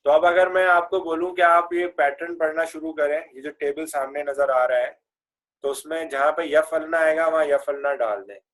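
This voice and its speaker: A man teaching Arabic verb forms with a slightly high voice, chanting the conjugations and having the class repeat after him. His explanations are full of English grammar terms, delivered as a classroom drill. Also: steady tone, a bit bright. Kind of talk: classroom lesson with recitation drills.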